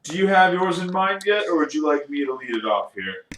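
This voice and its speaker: A man co-hosting a casual sports podcast, joking and animated with quick asides. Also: on the high side, echoey room, slight background noise. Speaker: podcast co-host.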